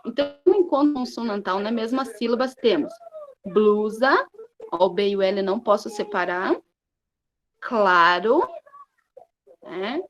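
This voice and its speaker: A woman's voice: fairly high pitch, a little mellow, dull audio, a little hiss or hum. A Brazilian woman teacher giving a recorded lesson, stretching out syllables and checking in with her students as she goes. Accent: Brazilian Portuguese. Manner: slow, drawn-out syllables with frequent "né?" and "tá?" checks.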